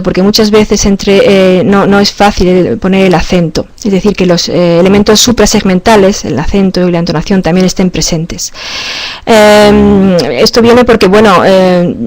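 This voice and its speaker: A woman from Spain presents her teaching ideas to fellow teachers. She talks in a searching, hesitant way, full of fillers and self-corrections, at a middling pitch. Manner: hesitant, many fillers and restarts. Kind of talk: conference talk.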